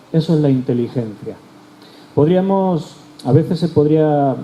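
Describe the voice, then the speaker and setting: A male pastor teaches a Bible study, explaining patiently and often repeating or rephrasing his key words. His voice has a fairly high pitch and a dark tone, recorded with roomy echo and faint background ambience.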